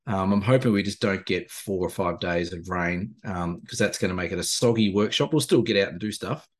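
A man's voice: deep voice, fairly quick. An Australian man chatting casually as a co-host, with a dry, laconic drawl. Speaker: co-host, landscape photographer. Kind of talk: casual chat on a video show.

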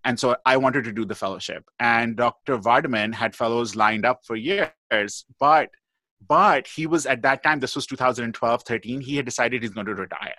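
A man's voice: medium pitch, moderate pace, sharp tone, no echo. A man, a guest pathologist, telling a long story in a podcast interview, chatty and full of "like" and "you know".

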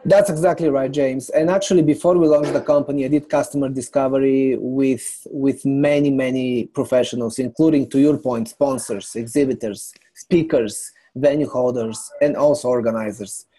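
A middle-aged man from Bulgaria, a company founder explaining his business as a podcast guest in a measured way. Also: medium pitch, steady tone, mellow, husky. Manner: measured, explanatory, lists items. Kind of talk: business interview.

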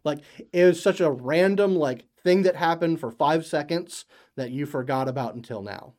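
A man narrating as game master of a tabletop game, halting with many fillers. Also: on the high side, a little mellow.

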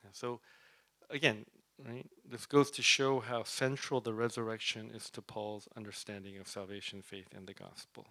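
This Bible study preacher's sermon comes in a low, flat voice with vocal fry and a sharp edge, at a moderate pace on a dry recording. His manner is conversational, full of fillers and frequent "right?" check-ins.

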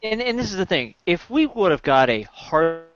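A man's voice: high voice, big pitch swings, moderate pace. A man co-hosting a casual film chat over a remote call whose audio breaks up and drops out as he keeps talking and checks if he can be heard. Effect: remote call audio breaking up and dropping out. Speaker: podcast co-host reviewing films. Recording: muffled, dry remote call line.

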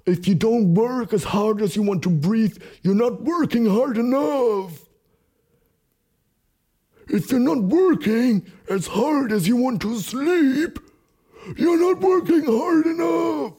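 A man mocking an intense male motivational speaker with a preachy, drawn-out, emphatic delivery. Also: extremely high pitch, warm tone, breathy edge, pitched above the performer's own voice, exaggerated voice. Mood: fired up.

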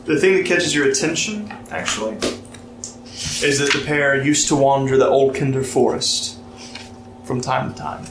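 A man narrating as game master of a tabletop game, relaxed and storytelling, reading lore aloud with fillers. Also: medium pitch, normal speed, noisy background. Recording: roomy sound with music behind.

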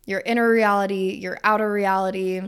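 A young woman podcast host and coach giving a casual, gushing promotional monologue, rambling and digressing, with some swearing and a creaky vocal fry. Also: mid-range voice, little pitch movement, a little fast, fairly bright tone. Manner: gushing, enthusiastic.

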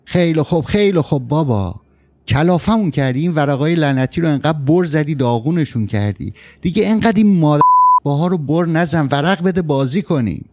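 A man voicing a bitter, quick-tempered young male soldier at a card game, loud and snapping. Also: lowish voice, a little hiss or hum, lightly acted. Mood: angry, impatient.

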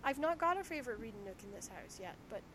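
A woman's voice: fairly high pitch, big pitch swings, quick pace, a crowd in the background. A woman with a Shetland accent talking casually and candidly in a conversational interview, telling anecdotes. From Shetland, Scotland.

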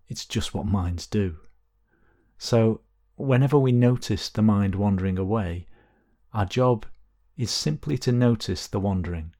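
A man with a voice on the low side guides a body scan meditation. His instructions are gentle and unhurried, separated by long pauses.

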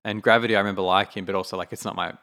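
Deep-voiced man rambling about films. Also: fairly even intonation, very fast, sharp tone. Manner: rambling, thinking aloud, many fillers. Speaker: film podcast co-host. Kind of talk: casual chat.

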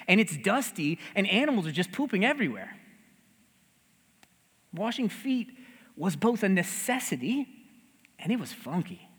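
A man preaching a sermon in a church, his voice high and swinging widely up and down as he tells the story. He keeps it chatty and funny, and his words roll out into the long reverb of a big sanctuary. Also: slightly rough. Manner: conversational, humorous, animated storytelling. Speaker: pastor.

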